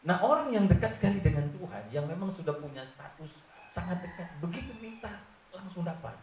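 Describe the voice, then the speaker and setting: Earnest Manado pastor in an echoing church. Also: male voice, expressive, brisk, a little mellow, a little hiss or hum. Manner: earnest preaching, sweeping from low confiding tones to raised emphatic ones. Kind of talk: sermon. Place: church hall. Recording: roomy church echo, faint ambience.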